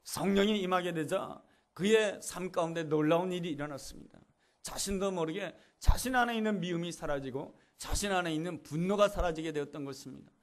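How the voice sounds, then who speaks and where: A male pastor preaching a sermon, telling a story with earnest, repetitive emphasis. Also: high voice.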